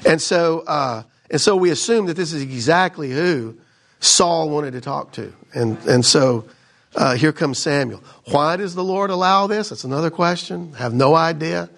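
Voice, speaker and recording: A middle-aged man leading a relaxed Bible study, reading scripture aloud and unpacking it in a loose, conversational way. His voice is a little higher than most men's and has a gravelly, fry-tinged texture. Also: normal speed. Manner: conversational, reads scripture then explains with frequent "right?". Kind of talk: casual Bible study teaching.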